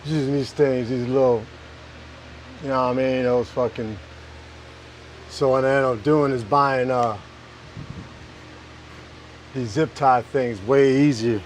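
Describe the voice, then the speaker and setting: A man's voice: medium pitch, steady tone, slow pace, long pauses, low-quality recording. A man casually narrating his hands-on work in a vlog, muttering to himself in an offhand way and swearing now and then. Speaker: DIY vlogger. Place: inside a food truck. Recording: clear vehicle and fan noise.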